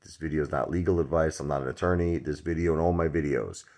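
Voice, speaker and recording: A man, chatting rambly to his phone camera in a dark room at home. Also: a bass voice, fast talker. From Brooklyn, New York. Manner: rambling, chatty, many fillers. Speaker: stock vlogger. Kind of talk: casual chat to camera. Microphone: phone at arm's length.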